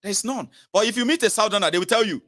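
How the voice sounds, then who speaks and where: A Nigerian man in his late thirties speaks with a southern Nigerian accent, and his voice sits a little high for a man. He talks straight to the viewer in a political commentary, firing questions and dropping into pidgin now and then. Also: fast, a bit bright. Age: 30s. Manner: emphatic, questions the viewer directly, mixes in pidgin. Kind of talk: direct-to-camera commentary.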